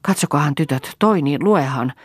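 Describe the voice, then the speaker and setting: A woman's voice: low voice, expressive, breathy edge, dry recording, studio quality. A woman reader voicing a weary, firm mother of grown daughters who speaks insistently. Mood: urgent.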